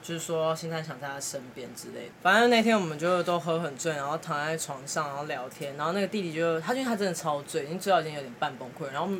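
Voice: medium pitch, fast talker, hardly any pauses, fairly bright tone, slight background noise. A podcast host, chatty and laughing now and then while telling a story in a casual way.

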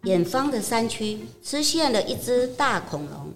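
Slow older woman telling a story. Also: fairly high pitch, very animated, in a large hall, music in the background. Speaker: story narrator. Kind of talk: children's story narration.

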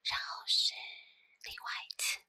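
A woman with a Taiwanese Mandarin accent tells personal stories in a soft, breathy ASMR whisper close to the microphone, unhurried and with pauses. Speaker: ASMR creator. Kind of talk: whispered ASMR storytelling, chatty.

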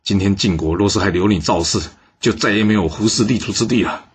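A man's voice: fairly low pitch, quick pace, breathy edge. A man voicing a bitter, vengeful general who has lost his command, speaking with scorn in an audio story. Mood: bitter, angry. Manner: angry, scornful.

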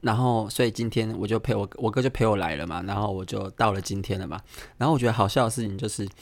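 A young man with a Taiwanese Mandarin accent, hosting a podcast and telling a personal story in a casual, animated way, acting out the people in it. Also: lowish voice, fast, vocal fry, dry recording. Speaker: podcast host.

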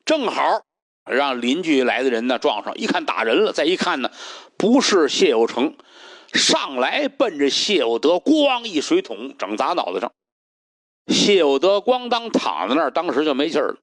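Animated male storyteller. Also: a little high, normal speed, no echo, studio quality. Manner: animated, dramatic pacing. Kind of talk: traditional solo storytelling.

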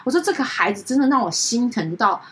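Brief: woman, pet communicator, rapid casual podcast storytelling, lively, voices the people she quotes. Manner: animated, acts out quoted dialogue with big pitch jumps.

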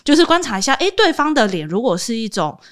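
A woman teacher calmly giving parenting advice point by point in a casual chat. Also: fairly high pitch, fast talker. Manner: calm, explains step by step. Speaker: teacher and guest.

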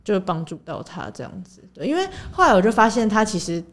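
A woman's voice: mid-range voice, very animated, fast talker. A woman co-hosting a casual chat show, telling a story hesitantly with many fillers. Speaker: podcast co-host.

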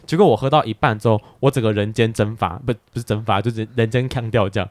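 A man speaking, co-hosting a podcast and telling a story in a casual, animated way, with stammering restarts and frequent laughter. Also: on the low side, fast, dry recording, studio quality. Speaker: podcast co-host.

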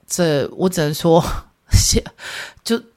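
Taiwanese mandarin accent, woman in her 30s, podcast host, chatting candidly, lowish voice. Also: expressive, fast. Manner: chatty and candid, mixes in English and Taiwanese Hokkien words. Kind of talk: casual storytelling monologue.

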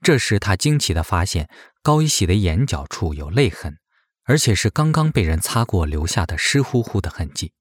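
Deep-voiced man narrating gravely. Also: sing-song, moderate pace, no room sound. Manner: grave, suspicious questioning tone. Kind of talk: scripted investigative narration.

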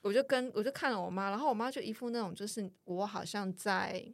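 Woman host, brisk lively storyteller, dry close sound. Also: mid-range voice, gravelly, no room sound. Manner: animated storytelling, imitates her mother. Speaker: podcast host. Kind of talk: casual podcast chat.

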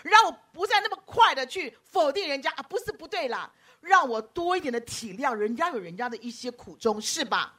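A woman preacher delivers a lively sermon, joking with her congregation and acting out the voices she quotes. Her voice sits high and bright, swinging widely in pitch. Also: a little fast. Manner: animated, teasing, acts out quoted voices. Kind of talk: lively sermon with audience banter.

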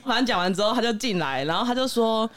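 A man with a Taiwanese accent, a regular guest on a casual podcast, telling work stories in a quick, animated way and acting out his customers. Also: high voice. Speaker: pet groomer, regular guest.

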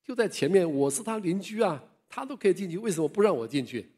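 A preacher acting out an old village man who wakes up after dying and insistently shouts his complaints, in a much higher, raised voice. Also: lively intonation, brisk, big-room sound. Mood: indignant. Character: agitated old village man, just revived, indignant.

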